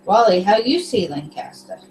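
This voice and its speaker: A woman's voice: medium pitch, sing-song, moderate pace, a little mellow, distant mic. A woman co-hosting a casual livestream, reading viewer comments aloud and laughing often. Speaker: livestream co-host reading chat. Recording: echoey room with faint hum.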